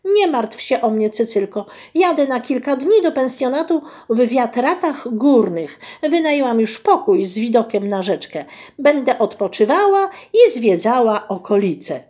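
A woman voicing a fussy, dramatic female goose in a children's story, high-strung and quick to lament. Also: sing-song, dark tone. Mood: bossy.

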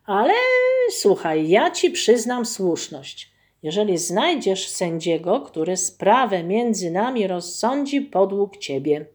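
A woman doing a loud boastful storybook bear. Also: mid-range voice, big pitch swings, takes it slowly. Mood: gloating. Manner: loud, pleading then gloating. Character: big ungrateful male forest bear, boastful.

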